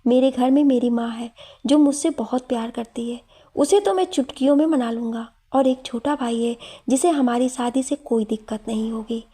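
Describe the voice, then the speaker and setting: A woman's voice: fairly high pitch, normal speed, warm tone, slightly rough. Woman reading as a lovestruck young professor. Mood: teasing. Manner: teasing, pleading. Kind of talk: storytelling narration.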